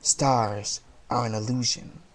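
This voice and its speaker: A man delivering a wrestling promo monologue as a heel, brooding and taunting, with theatrical, deliberate dramatic pauses. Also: medium pitch, steady tone, a little hiss or hum. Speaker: amateur wrestler cutting a promo as a heel character.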